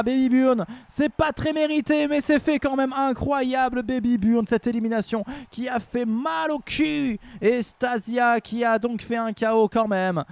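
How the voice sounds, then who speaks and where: Male stream commentator, very high and raspy-edged, jokey play-by-play with shouted peaks. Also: dry recording. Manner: jokey, rambling, bursts of shouted hype.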